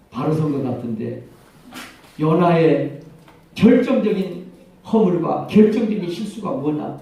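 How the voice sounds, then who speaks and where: Brief: male pastor, storytelling sermon, high and gravelly, booming church echo, mic at a distance. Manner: storytelling, animated, chuckling. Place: church sanctuary. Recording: echoey church hall from far off.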